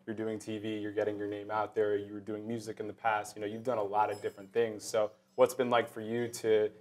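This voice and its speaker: A male interviewer speaks quickly in a fairly low voice. He asks loose, chatty questions and nods along with quick affirmations. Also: completely flat delivery, darkish tone. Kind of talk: casual interview.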